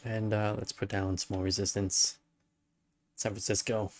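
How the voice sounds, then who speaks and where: A man's voice: lowish voice, flat delivery, normal speed. A man giving casual live-stream commentary while playing a strategy game, musing and thinking aloud. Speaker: gaming streamer.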